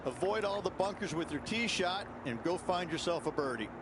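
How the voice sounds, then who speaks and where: A man analyses golf for a video game in an instructive way, addressing the player directly. His voice is somewhat high. The outdoor ambience behind him is loud. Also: animated, a little fast, heavy background noise. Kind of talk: sports commentary in a video game.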